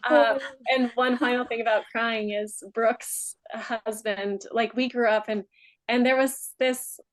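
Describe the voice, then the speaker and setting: A woman's voice: a little high, fairly even intonation, poor audio. A woman leading a group coaching session, chatting freely with frequent laughs. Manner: chatty, laughs often, trails into soft slow meditation voice. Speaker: mastermind group leader. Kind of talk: coaching talk and guided meditation.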